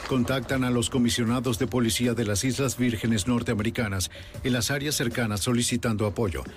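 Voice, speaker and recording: Male true-crime narrator over background music. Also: medium pitch. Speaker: documentary narrator. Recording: music bed under the voice. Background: dramatic background music.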